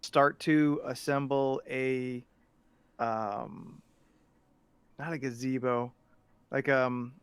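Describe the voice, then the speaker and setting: A man's voice: medium pitch, fairly even intonation, very slow, pauses often, clear, resonant tone, dry recording. A man talking casually and telling stories as a podcast host. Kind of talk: casual chat and storytelling.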